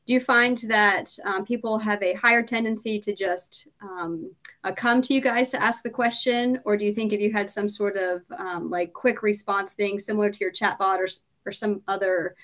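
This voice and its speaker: A woman interviewing a help desk team, asking long, halting questions with many fillers. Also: mid-range voice, fairly even intonation, fairly bright tone. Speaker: visiting student interviewer.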